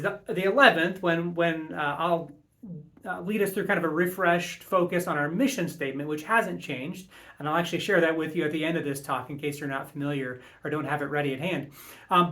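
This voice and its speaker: A man speaking as a pastor, giving church announcements in a measured, earnest, encouraging way. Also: high voice, fairly bright tone.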